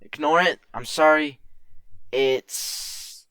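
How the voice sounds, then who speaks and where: A man's voice: fairly high pitch, drawn-out words, sharp tone, clean tone, no echo. Young man chatting over gameplay. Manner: rambling, playful, talks over gameplay. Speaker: gaming video host. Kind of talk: casual gameplay chat. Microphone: gaming headset.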